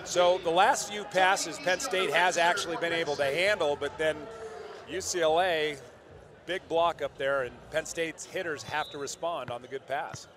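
An older man doing lively play-by-play sports commentary, excitable and joking as he calls the action. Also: on the high side. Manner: excitable, jokey, quick corrections. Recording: broadcast commentary over loud arena crowd.

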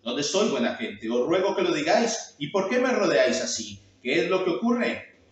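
A man's voice: a little high, big pitch swings, moderate pace, dull audio. Hassan, a man reading as a baffled young man. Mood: bewildered. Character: bewildered handsome young man, indignant. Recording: very echoey room, mic far off.

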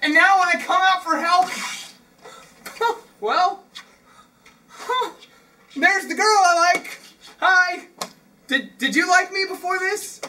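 A man playing a desperate, awkward young suitor in sketch comedy, halting and pleading. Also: extremely high pitch, sharp tone, recorded from a distance, heavily acted. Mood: awkward, hopeful. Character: desperate awkward young male suitor who cannot stop peeing.

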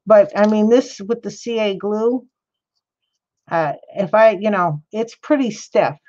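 A woman's voice: mid-range voice, measured pace, warm tone. A woman chatting casually to her livestream viewers while she works on a craft project, rambling and answering chat by name. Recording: slightly dull lo-fi stream audio.

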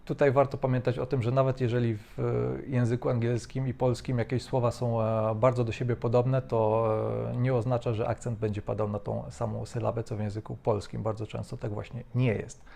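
A man hosting, critiquing spoken English in measured commentary with frequent hesitations. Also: mid-range voice, flat delivery, vocal fry, dark tone. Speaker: host. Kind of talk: language-coach commentary.

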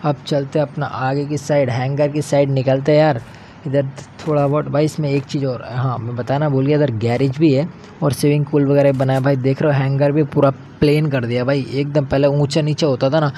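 A man's voice: mid-range voice, little pitch movement, brisk, dark tone, slight background noise. A young man giving casual, slangy commentary over his own gameplay as a gaming channel host, chatting to viewers like friends. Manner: chatty, slangy, keeps calling viewers brother.

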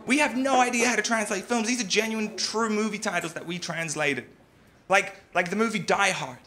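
Captured live with crowd noise, a British comedian works a theatre stage holding a handheld mic. He speaks a little fast in a high-pitched, sharp-toned voice, keeping things conversational and filler-heavy.

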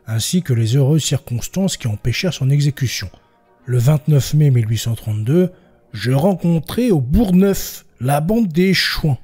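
A man narrating historical court testimony for a podcast, voicing the quoted villagers a little higher and stumbling now and then. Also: warm tone, husky. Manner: reads quoted villagers with raised pitch, slips and restarts.

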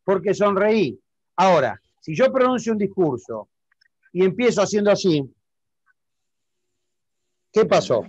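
Argentine man, public speaking teacher, higher voice, dry close sound, lo-fi. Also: big pitch swings, unhurried, long pauses, darkish tone, slightly rough, no echo. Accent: Argentine Spanish. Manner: explanatory, keeps checking understanding with questions. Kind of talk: online lesson.

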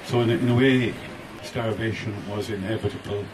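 A man's voice: on the low side, steady tone, a little fast. Earnest man speaking outdoors. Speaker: tour speaker. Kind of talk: outdoor speech to a crowd. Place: outdoors in a city street. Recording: distant outdoor recording with street noise.

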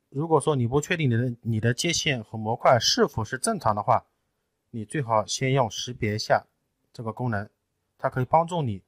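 A man in a technical tutorial, explaining each step patiently and often pausing with fillers. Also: mid-range voice, no room sound. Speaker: tutorial presenter. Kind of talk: screen-recorded technical tutorial.

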